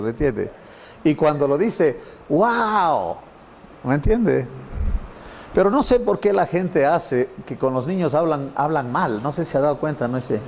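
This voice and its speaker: Animated middle-aged man teaching a Bible class. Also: medium pitch, slight background noise. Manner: animated storyteller, acts out quoted voices. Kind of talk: conversational Bible lesson.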